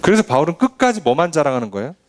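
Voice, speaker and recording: A man's voice: fairly high pitch, sing-song, racing. A man preaching a Sunday sermon as pastor, acting out boastful people with scoffing clicks.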